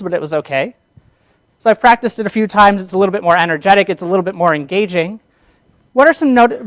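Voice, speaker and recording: A man's voice: high voice, dry recording. A man teaching a public speaking class, energetically lecturing and asking his students questions.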